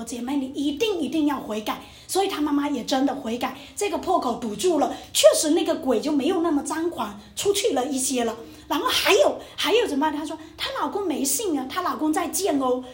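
A woman's voice: sits high, reverberant. A young woman preacher giving an emotional testimony sermon, acting out the voices in her story. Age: young adult.

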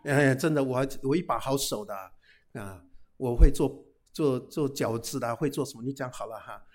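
A middle-aged man, a pastor, giving a humorous sermon, telling lively anecdotes peppered with casual tag particles and English phrases. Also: medium pitch, normal speed. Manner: lively storytelling with frequent "哈" tags and English phrases.

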